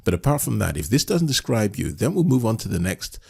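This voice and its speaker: A man's voice: lowish voice, very animated, a little fast, vocal fry, a little mellow, slightly rough. A man coaching business owners in a recorded course lesson, earnest and emphatic, repeating his points with frequent restarts.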